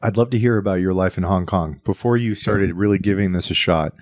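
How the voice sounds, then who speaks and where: A man's voice: low-pitched, brisk, no echo. A man interviewing a guest, asking curious questions and humming along as he listens. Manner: curious, many soft listening hums. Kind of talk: casual interview.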